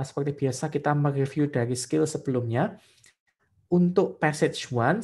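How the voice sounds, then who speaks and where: A male teacher leads a live online English test-prep class with a gravelly, creaky tone. He talks patiently, switching between English and Indonesian and tagging short checks onto his phrases. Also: mid-range voice, darkish tone.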